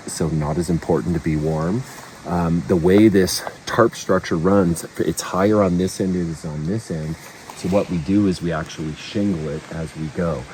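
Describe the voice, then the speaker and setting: A man with a low, slightly mellow voice acts as a guide on a casual walkthrough at a backcountry camp outdoors. He is plain-spoken and keeps his voice down. The distant mic picks up outdoor background noise.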